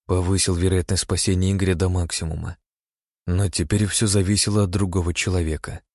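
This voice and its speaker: A man narrating a first-person story in a steady, calm way, close to the mic. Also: low voice, fairly quick, no room sound. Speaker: audiobook narrator.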